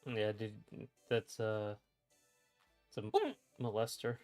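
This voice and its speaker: A man's voice: on the low side, very animated, slow pace, a little mellow, soft background music. A man in his thirties, hiccuping through a casual livestream chat, reading chat aloud with wry, blunt remarks. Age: 30s.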